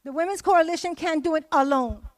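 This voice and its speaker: With a very high-pitched, brisk voice, a community member delivers emotional testimony at a memorial gathering. She speaks with passion and emphasis, returning again and again to the same phrases. There's almost no echo in the dry sound.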